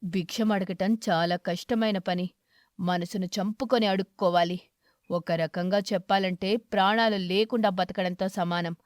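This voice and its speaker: Woman doing low-voiced kind old eagle beggar, slow and soft, cartoon tale. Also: fairly even intonation, dry recording, clean studio sound, close to an everyday voice. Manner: slow, soft-spoken and pleading.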